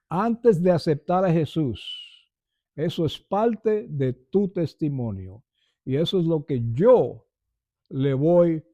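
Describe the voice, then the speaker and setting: A man's voice: on the high side, warm tone, dry recording. An older man giving an earnest personal testimony and calling his listeners brothers.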